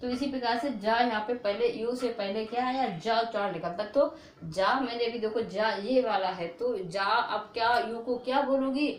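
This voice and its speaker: A woman's voice: a little high, moderate pace. A woman teaching at a board, repeating each word and asking the class what they will read. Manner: repetitive, drilling questions like "what will you read?". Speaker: English teacher. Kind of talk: board lesson for a video. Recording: echoey room with faint hiss.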